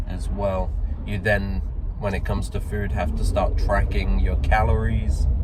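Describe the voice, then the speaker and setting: A man vlogging casually, musing and explaining things in a conversational way. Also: deep voice. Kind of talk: casual chat to camera. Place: inside a car out running errands. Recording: noisy car, road and engine noise.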